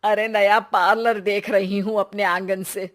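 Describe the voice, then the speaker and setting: A woman plays an older cartoon mother who is patient and wise. She speaks slowly and firmly in a calm, knowing way. Her pitch stays in a middle range. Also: close to an everyday voice.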